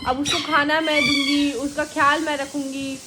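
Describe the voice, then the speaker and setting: A woman's voice: sits high, little pitch movement, moderate pace. A woman who runs an animal shelter, chatting casually to her viewers and speaking with care so she doesn't trip over her words. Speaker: animal rescuer running a shelter. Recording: noisy phone recording with rain behind.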